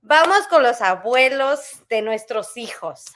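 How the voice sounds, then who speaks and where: An animated woman tells a family anecdote on a podcast, her voice sitting a little high. She laughs often and slips into mimicking other people mid-story. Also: slow. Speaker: podcast co-host. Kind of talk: casual storytelling chat.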